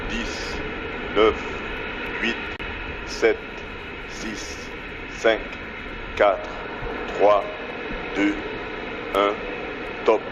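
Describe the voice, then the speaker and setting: A man's voice: lowish voice, level tone, drawn-out words, pauses often, noisy background. A man making terse, formal countdown and status calls over a mission control radio loop. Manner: formal, terse, procedural announcements. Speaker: launch operations director.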